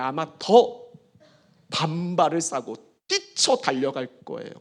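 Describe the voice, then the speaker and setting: A male pastor delivering a Sunday sermon in a slightly high, raspy, gravelly voice. His pitch moves with lively swings, and he leans on dramatic pauses, dropping soft before building back up with emphasis. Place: church service.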